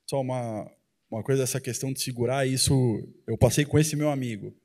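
A man's voice: mid-range voice, brisk, darkish tone. A man in his thirties speaking bluntly and pushily to a conference crowd through a handheld mic. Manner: blunt, pushy, colloquial. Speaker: trader and co-presenter. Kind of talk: motivational talk on stage. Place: large conference hall with audience.

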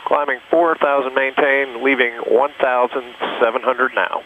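A man's voice: mid-range voice, steady tone, normal speed. A man piloting a plane, reading back instructions in clipped aviation phraseology over his headset radio. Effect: pilot talking over a cockpit headset radio. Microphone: headset boom mic. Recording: narrow phone-like radio audio with faint noise.

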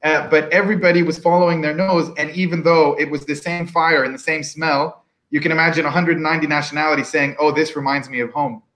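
A man with a somewhat high voice chats as a guest pitmaster over a video call. He tells his story in a relaxed way and slips into the voices of the people he quotes. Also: fast talker, few pauses, poor audio. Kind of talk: casual video-call chat. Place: room with bookshelves. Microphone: video call from home.

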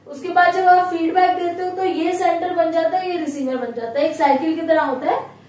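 High-voiced woman lecturing in an echoey room. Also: fairly even intonation, a little fast, darkish tone, distant mic. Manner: explanatory, mixes English terms, frequent "ठीक है" check-ins. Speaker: psychology lecturer. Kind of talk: recorded classroom lesson.

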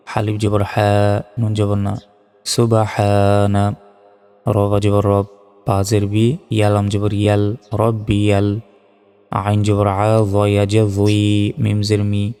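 A man teaching prayer pronunciation, spelling words out letter by letter and drawing the recitations out slowly. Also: on the low side, gravelly, mellow, in a large hall. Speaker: religious teacher. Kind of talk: instructional lesson on prayer pronunciation.

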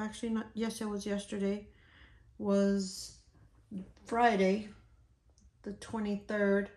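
Hoarse woman, slow, quiet near-whisper, gravelly, casual planner chat. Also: mid-range voice. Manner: quiet, near-whispered, talks while sorting stickers. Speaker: planner vlogger. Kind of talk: soft-spoken planner decorating chat.

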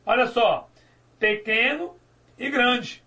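A man's voice: very high voice, takes it slowly, sharp tone. A male teacher giving a grammar lecture, asking and answering his own questions and drawing out key words. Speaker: Portuguese teacher.

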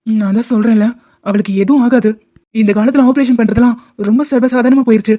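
Woman doing a steady cartoon husband calming his wife, slightly high voice, dull lo-fi audio. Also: fast, lightly acted. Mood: reassuring. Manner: firm, reassuring. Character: caring young husband, steady and reassuring. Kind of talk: cartoon drama dubbing. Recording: dull lo-fi sound.

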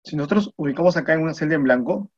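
A man's voice: a little high, very fast. Peruvian man explaining spreadsheets step by step. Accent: Peruvian Spanish. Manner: patient step-by-step explaining, asks "¿no?" and "mira" often. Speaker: spreadsheet instructor. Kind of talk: screen-recorded software tutorial. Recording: muffled lo-fi voice recording.

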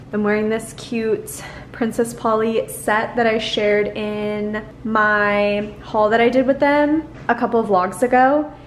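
A young woman talks breezily to her camera in a modern apartment, her voice at an ordinary middle pitch. She rambles in a relaxed, chatty way with plenty of fillers. The handheld camera picks up a faint hum of the room behind her. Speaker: lifestyle vlogger. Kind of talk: casual vlog chat. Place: modern apartment kitchen, indoors. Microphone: handheld camera filming in a mirror or at arm's length.

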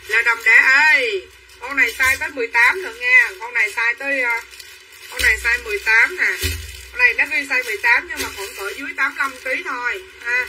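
High, piercing saleswoman on a livestream. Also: fast talker, bright, forceful tone, distant mic, low-quality recording. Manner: chatty, repetitive hard-sell patter, addressing buyers by name. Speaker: online clothing seller. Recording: voice a bit off-mic with faint room noise.

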